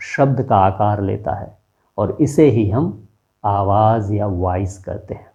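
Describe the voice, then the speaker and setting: A man with a dark, mellow voice teaches a lesson in a patient, methodical way. He asks himself questions and then answers them, walking the listener through each point. The recording is a little dull and lo-fi. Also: medium pitch. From India. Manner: steady, explains step by step with rhetorical questions. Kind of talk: explanatory lesson.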